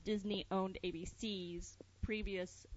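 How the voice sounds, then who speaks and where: A woman co-hosting a casual podcast, chatty and quick to laugh. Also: mid-range voice, little pitch movement, a little mellow. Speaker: podcast co-host. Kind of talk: casual chat. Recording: dull lo-fi audio with faint noise.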